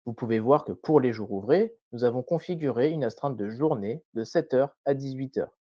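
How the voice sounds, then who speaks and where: A man presenting a scripted tutorial voice-over in a measured, didactic way, carefully enunciated. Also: mid-range voice, mellow, no room sound, highs cut off.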